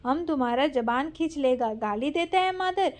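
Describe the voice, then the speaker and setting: A woman voicing a rough male Pathan traveler who speaks broken Hindi, mocking and threatening. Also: high voice, expressive, normal speed, darkish tone.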